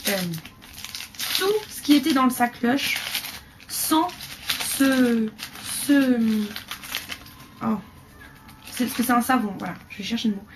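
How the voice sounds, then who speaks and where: A woman chatting casually through a beauty haul video, rambling with fillers and dropping into quiet asides. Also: fairly high pitch, takes it slowly, long pauses, noisy background. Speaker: beauty vlogger.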